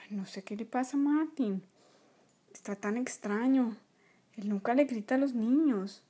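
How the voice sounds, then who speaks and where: A woman voicing a gentle, worried toy mother who speaks softly and soothingly in a toy play video. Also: a little high, normal speed, close to an everyday voice. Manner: soft, soothing, apologetic.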